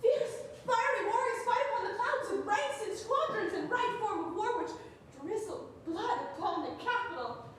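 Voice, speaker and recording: A woman's voice: very high voice, lively intonation, moderate pace. A young woman playing Caesar's fearful wife on stage, speaking urgently and pleadingly, recorded from a distance in a very echoey theatre. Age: young adult. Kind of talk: stage Shakespeare acting. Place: indoor arena theatre stage. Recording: distant mic, very echoey theatre, faint noise.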